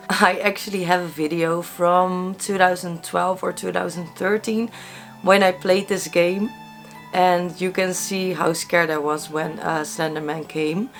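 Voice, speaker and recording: Dutch-native woman host, low-ish voice, stuffy with a cold, true crime storyteller over faint music. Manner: dramatic narration with pauses, then chatty asides.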